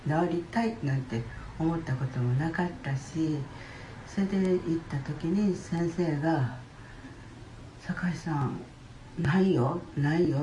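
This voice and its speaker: Low-voiced older woman. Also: warm tone, slight background noise. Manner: halting, with many pauses and fillers. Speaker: church member giving testimony. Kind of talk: personal testimony. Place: church. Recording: roomy church hall.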